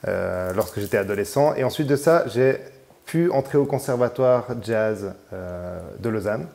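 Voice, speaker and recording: A man in his thirties talks through his musical path as a radio guest. His voice is warm and mellow, and he hesitates often, piling up fillers and restarting his sentences. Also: on the low side, expressive, moderate pace, gravelly. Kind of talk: casual radio interview.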